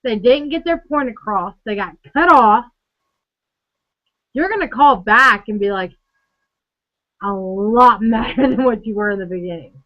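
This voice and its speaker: A woman co-hosting a casual drinking chat show, telling stories in a profane, animated way. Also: on the high side, a little slow, long pauses. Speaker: podcast co-host. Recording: dull lo-fi recording.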